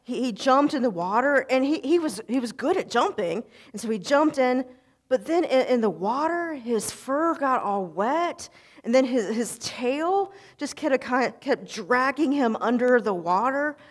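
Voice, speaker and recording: A middle-aged woman pastor preaching from a church pulpit and telling an animated story with repeated words. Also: high-pitched, measured pace. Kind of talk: sermon storytelling. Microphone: pulpit microphone, far camera.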